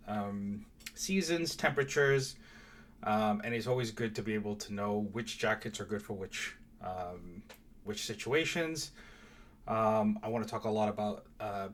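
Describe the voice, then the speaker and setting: A man's voice: lowish voice, fairly bright tone. Hesitant young man vlogging casually. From Mauritius. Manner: hesitant, many fillers and restarts. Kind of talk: casual direct-to-camera intro.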